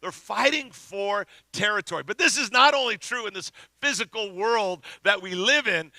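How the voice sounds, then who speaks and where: A middle-aged man preaching a sermon as pastor, telling a story with animated energy and shouting at the big moments. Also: high-pitched, no echo.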